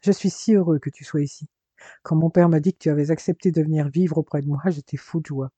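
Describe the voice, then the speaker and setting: A man voicing a tender man facing surgery, worried and soft-spoken, with a husky voice. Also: fairly high pitch, fairly even intonation, fast, no room sound, muffled recording. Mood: joyful.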